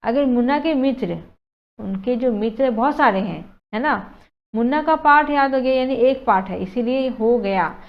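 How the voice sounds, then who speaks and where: A woman's voice: fairly high pitch, moderate pace. A woman teacher, explaining a lesson in a chatty way, often checking "okay" with students and mixing in English words. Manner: chatty, mixes in English words, frequent "theek hai" checks. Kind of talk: casual classroom explanation. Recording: dull lo-fi sound.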